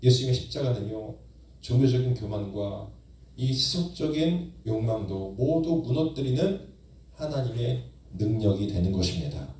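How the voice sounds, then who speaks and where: A man pastor preaching a Sunday sermon in a church, with rising emphasis and slow, drawn-out lines. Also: medium pitch, lively intonation, dark tone, slight background noise. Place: church sanctuary. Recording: very echoey church hall, distant mic.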